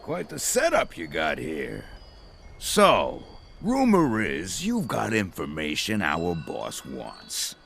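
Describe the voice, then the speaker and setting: A man's voice: low-pitched, huge pitch swings, takes it slowly, vocal fry, heavily acted. An actor playing a menacing male gang henchman in a game, taunting and threatening with a drawl. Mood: smooth menace. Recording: loud background ambient noise.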